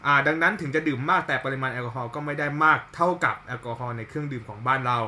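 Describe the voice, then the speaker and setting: Male podcast host, quick and crisp, slangy with friends, polite to listeners. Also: mid-range voice, bright, forceful tone, a little hiss or hum. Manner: loose and swearing among friends, polite when addressing listeners. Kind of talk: casual podcast chat, reading out facts.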